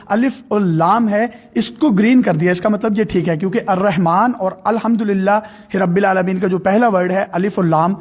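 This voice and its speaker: A man's voice: high voice, few pauses, breathy edge. A man hosting an interview, explaining an app step by step in devout phrasing. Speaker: host.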